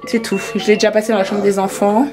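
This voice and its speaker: A woman chatting casually about daily family life as a vlogger, with a gravelly, creaky voice. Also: mid-range voice, flat delivery, fast talker, music in the background. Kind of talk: casual vlog chat.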